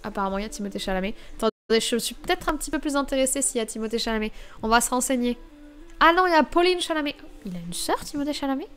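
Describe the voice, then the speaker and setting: A woman's voice: on the high side, lively intonation, rapid-fire, hardly any pauses, faint music behind. A young woman streaming live, chatting casually and thinking aloud while she browses the week's releases.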